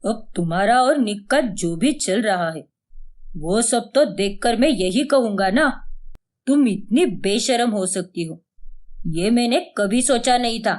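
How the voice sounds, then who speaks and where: Jealous cartoon husband, lower and heavier than the narrator, pleading, voiced by a woman. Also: animated, measured pace, lightly acted. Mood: accusing. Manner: pleading, repeated apologies. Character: jealous young husband, accusing then pleading.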